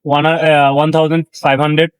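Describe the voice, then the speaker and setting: A young delivery rider from Bangladesh answering a street interview outdoors, halting and hesitant, with broken English and many fillers. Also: male voice, on the high side, flat delivery, clear, resonant tone, no room sound. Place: outdoors in a city square.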